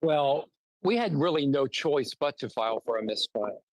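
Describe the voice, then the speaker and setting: A man's voice: mid-range voice, animated, moderate pace, dry recording, low-quality recording. A man speaking as a defense attorney in a remote news interview, arguing emphatically and posing rhetorical questions. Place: near a road with passing traffic.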